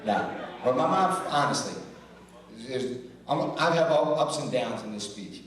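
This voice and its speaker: Rambling roast speaker in an echoey hall. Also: male voice, medium pitch, expressive, normal speed, very noisy. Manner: rambling, self-deprecating, restarts often. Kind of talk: nervous roast speech. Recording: roomy hall mic from a distance.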